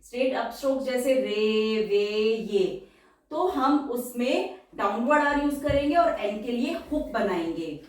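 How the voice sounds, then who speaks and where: A woman shorthand teacher, explaining slowly and repeating each example word several times. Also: on the high side, expressive. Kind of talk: explanatory lesson. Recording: very echoey room, voice far from the mic.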